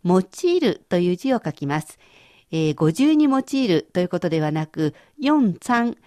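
A woman's voice: on the low side, big pitch swings, normal speed, dark tone, no room sound, clean studio sound. A woman teaching Chinese vocabulary in a radio lesson, explaining each word patiently and carefully.

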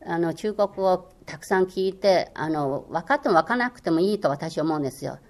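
An older woman, formerly a radio language lecturer and a first-language Chinese speaker, answers an interviewer fairly quickly. Her voice is lowish, animated and darkish in tone. She comes across as earnest and encouraging, with many hesitant fillers.

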